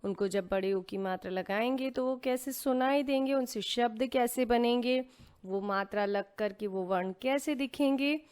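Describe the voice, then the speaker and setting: A woman's voice: fairly high pitch, a little mellow, smooth. A woman teaching young children to read, patiently sounding out syllables and asking questions she then answers herself. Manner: sounds out syllables slowly, mixing in English words. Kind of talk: children's Hindi reading lesson.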